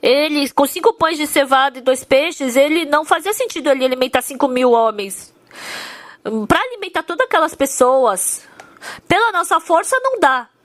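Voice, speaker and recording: A woman's voice: sits high, lively intonation, normal speed, no room sound. A woman interpreting a sermon, telling its story earnestly and with emphasis.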